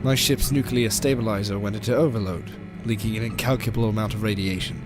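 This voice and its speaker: A man's voice: on the low side, fairly even intonation, fast, natural voice. A man playing a smug, cruel alien megalomaniac in an audio drama, theatrical and disdainful. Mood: bitter recounting. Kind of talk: audio drama villain acting. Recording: fan audio play under loud music.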